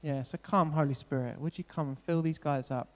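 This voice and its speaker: A man's voice: a little high, fairly even intonation, fairly quick, long reverb tail. A man leading a church gathering, chatting loosely while interviewing two newcomers and then praying over them, often saying "brilliant" and "yeah". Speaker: church leader hosting an on-stage welcome. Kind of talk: casual stage interview and spoken prayer. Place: church hall with long reverb.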